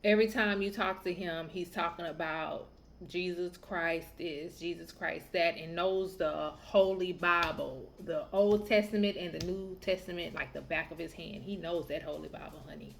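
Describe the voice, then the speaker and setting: A woman with a low, creaky voice, raised in the Southern United States, hosts a casual podcast at a moderate pace. She tells a family story in a candid, opinionated, chatty monologue, with a slight hiss or hum on the recording.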